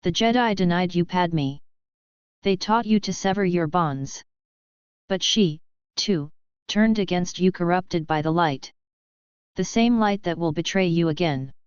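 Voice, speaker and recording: A woman voicing a cold, commanding armored dark lord in a fan-fiction audio story, in a calm, assured manner. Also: lowish voice, unhurried, pauses often, clear, resonant tone, no room sound, lightly acted. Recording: slightly dull, dry recording.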